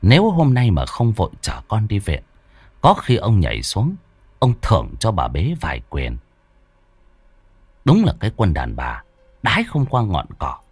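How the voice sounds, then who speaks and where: Very animated male horror storyteller. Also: on the low side, measured pace, pauses often, slightly rough, dry recording. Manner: dramatic, vivid storytelling.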